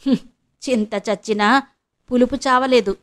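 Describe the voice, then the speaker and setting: A woman's voice: on the high side, steady tone, a little slow, close to an everyday voice. A woman reading the lines of a proud, bitter middle-aged woman who speaks sharply and scornfully to her ex-husband. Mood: cold. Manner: sharp and scornful, snapping out short questions.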